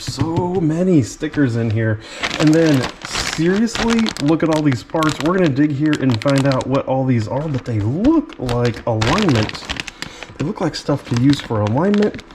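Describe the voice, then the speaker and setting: A man's voice: on the high side, animated, a little slow, background noise. An enthusiastic man reviewing and unboxing a remote-control car, talking directly to his viewers and exclaiming over each feature.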